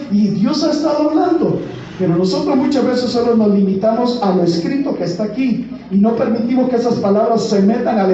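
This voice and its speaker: High-voiced preacher in an echoey hall. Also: male voice, warm tone, slight background noise. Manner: exhorting with rhetorical questions. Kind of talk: sermon. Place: church hall. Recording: echoey, distant, dull church recording.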